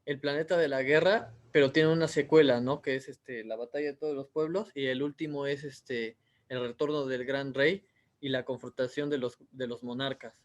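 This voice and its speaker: A man's voice: mid-range voice, fairly even intonation, normal speed. A Mexican man in his thirties, an author answering interview questions in a rambling way with many fillers. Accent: Mexican Spanish. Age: 30s.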